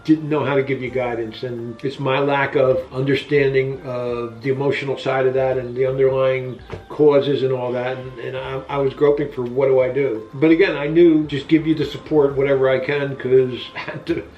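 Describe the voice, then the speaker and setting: A man of sixty-eight, a father answering questions in a casual sit-down chat, earnest and halting with many restarts. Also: medium pitch, flat delivery, slight background noise. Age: 60s. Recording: echoey, distant, dull room sound.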